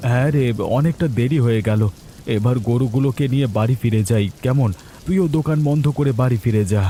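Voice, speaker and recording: A man's voice: medium pitch, brisk, warm tone, a little hiss or hum, lightly acted. A man voicing a worried poor cart driver. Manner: worried, earnest. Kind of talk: Bengali cartoon voice acting.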